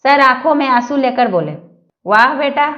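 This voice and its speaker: A woman reading a string of short jokes aloud in a steady, storytelling way. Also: high-pitched, moderate pace, reverberant, dull audio. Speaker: joke reader.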